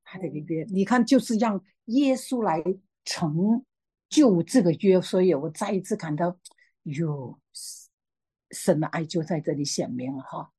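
A woman gives a personal faith testimony in a husky, slightly breathy voice. She hesitates and restarts often, then warms into lively storytelling. The sound is dry and close, with little room. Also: fairly low pitch, a little slow, no room sound. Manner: hesitant, many restarts and fillers, lively when telling a story. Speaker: church member sharing a testimony.

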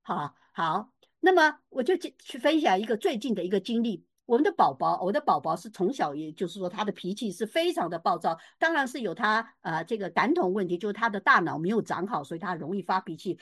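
An older woman giving a personal faith testimony at church, emphatic and expressive, with frequent fillers and restarts. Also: medium pitch, fairly quick, dry recording, studio quality.

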